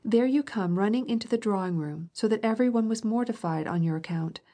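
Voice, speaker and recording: A woman's voice: mid-range voice, fairly quick, warm tone, pitched above the performer's own voice, lightly acted. A woman reading aloud and voicing a cool, scornful young noblewoman in an audiobook.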